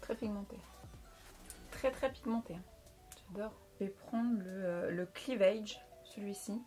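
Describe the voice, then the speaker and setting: A young woman gives a casual, frank makeup review, tossing in playful asides as she applies products. She speaks at a middle pitch, close to the camera mic. Soft music sits faintly underneath. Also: unhurried. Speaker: beauty vlogger.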